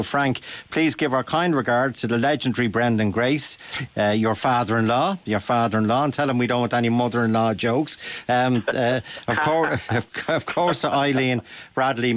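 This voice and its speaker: An Irish man hosting a radio phone-in conversationally, with halting, repeated, emphatic phrases. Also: lowish voice.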